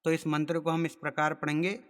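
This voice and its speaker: A man giving a step-by-step ritual lesson, explaining rules in a measured way and chanting mantras slowly. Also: on the high side, little pitch movement, a bit bright. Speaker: ritual instructor. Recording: long reverb.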